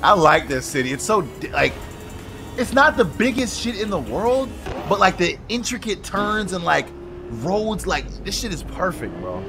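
Excitable man doing lively game commentary. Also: high-pitched, moderate pace, vocal fry, music in the background. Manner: excitable, joking, swears a lot, slangy; talks to game characters as he plays. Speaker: gaming video creator. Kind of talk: casual gameplay commentary.

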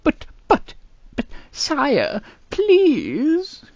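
Woman voicing a fussy cartoon snake courtier, high swooping pitch, hissing sibilants, pompous flattery, indignant, theatrical. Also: very slow, no echo, muffled recording, full character voice. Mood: flustered, indignant. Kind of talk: cartoon character impression.

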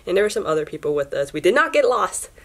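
Low-voiced young woman chatting to camera. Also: sing-song, fast. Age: young adult. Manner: chatty, self-deprecating, laughs often. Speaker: vlogger. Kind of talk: casual vlog chat. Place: small dorm room indoors. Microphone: phone camera at arm's length.

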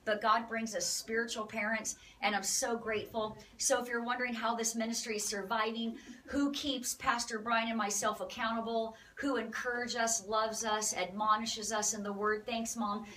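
Woman, ministry host, excited, preachy, higher voice, a bit off-mic. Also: moderate pace, recorded from a distance, poor audio.

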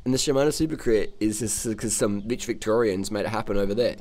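Over race footage, this Australian man riffs on cycling in a fast, fairly low, darkish voice. His unscripted commentary is casual, blunt and full of slang and swagger, with phrases repeated to drive points home.

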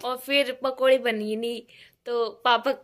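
A young woman vlogging casually at home with her family, chatty and quick to laugh as she talks to her viewers. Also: fairly high pitch, fairly even intonation. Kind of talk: casual home vlog chat.

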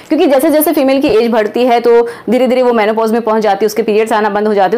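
Woman, higher-pitched voice, chatty product presenter who keeps checking in with viewers. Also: a little mellow. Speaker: product presenter and health adviser. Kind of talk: conversational promotional explainer.

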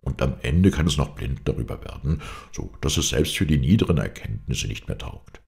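A man voicing a melancholy, brooding man who grieves for his lost wife and son, speaking in a hoarse voice with a philosophical, mournful manner. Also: rumbling low, animated, normal speed, a little mellow, heavily acted.

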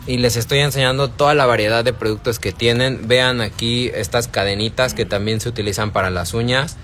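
Brief: Mexican man, live-stream shopping host on a handheld phone, chatty, mid-pitched, faint shop noise behind. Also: fairly even intonation, fairly quick, fairly bright tone. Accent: Mexican Spanish. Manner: chatty, addresses viewers by name, answers chat. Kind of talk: casual live-stream product showing. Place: indoors in a wholesale shop. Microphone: phone held at arm's length.

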